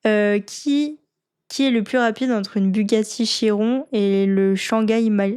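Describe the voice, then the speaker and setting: A woman hosting a casual interview and running a quiz, self-deprecating and relaxed in manner. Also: mid-range voice, measured pace, clean tone. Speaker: host.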